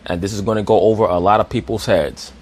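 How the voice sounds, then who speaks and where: A man's voice: on the low side, fairly even intonation, quick pace. A man giving a preachy commentary monologue, addressing listeners as brothers and asking rhetorical questions. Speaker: online commentator.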